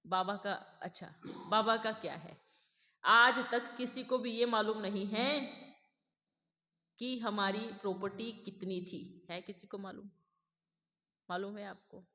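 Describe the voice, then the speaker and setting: A woman's voice: mid-range voice, pushed and bright. A woman giving a spiritual sermon, pressing her listeners with rhetorical questions and mimicking their boasts. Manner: acts out others' boastful voices. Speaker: spiritual speaker. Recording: long hall reverb.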